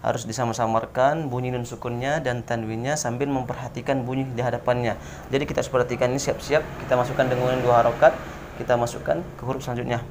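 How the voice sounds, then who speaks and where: A young adult man teaching a tajwid lesson at a whiteboard. He explains step by step, fills his speech with "nah" and "ya", and spells out letters slowly one by one. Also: medium pitch, fairly even intonation, background noise. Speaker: Quran recitation teacher.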